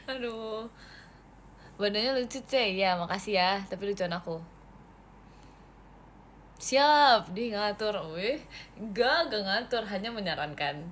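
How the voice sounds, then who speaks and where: A woman's voice: medium pitch, lively intonation, unhurried, pauses often, a bit bright, slight background noise. Playful young woman chatting on livestream. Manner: chatty, playful, giggly, reads comments aloud. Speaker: idol livestreamer reading viewer comments. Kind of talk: casual livestream chat.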